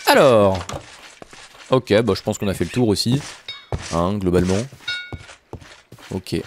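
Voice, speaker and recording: Young man, casual game commentary, lively pitch swings, faint noise underneath. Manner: animated, chatty, addresses viewers as friends; jumps into high exclamations and drawn-out words. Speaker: gaming video host. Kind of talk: casual Minecraft let's play commentary.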